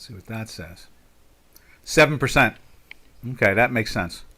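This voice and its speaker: This man's voice is fairly low, expressive and sharp, with a measured pace. In his sixties and from the Pinelands of South Jersey, with the regional accent, he's a market trader hosting a live stream, rambling through his thoughts with many fillers.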